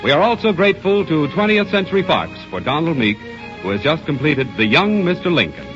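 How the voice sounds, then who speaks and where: An American man plays a 1930s radio announcer, reading scripted announcements and commercials in a fairly high, brisk voice with wide pitch swings. The audio is a dull 1930s-style radio recording with music.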